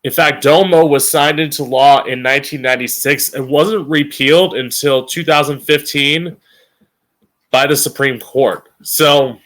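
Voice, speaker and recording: A man's voice: on the high side, measured pace, a bit bright, poor audio. A man with a campy drag queen manner hosting an informal opinion monologue, emphatic and opinionated, with plenty of swearing. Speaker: podcast host.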